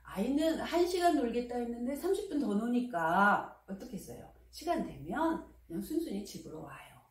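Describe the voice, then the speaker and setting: A middle-aged woman coaching parents on talking with their children, speaking gently and acting out little dialogues between mother and child. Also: fairly high pitch, very animated, normal speed. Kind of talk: parenting advice lecture. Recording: echoey room, mic at a distance.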